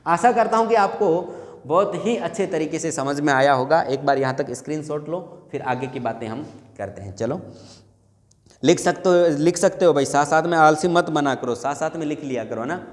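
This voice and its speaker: A man's voice: on the high side, animated, moderate pace. A man teaching a Hindi grammar lesson for exam prep, asking questions and answering them himself. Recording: echoey room with long reverb.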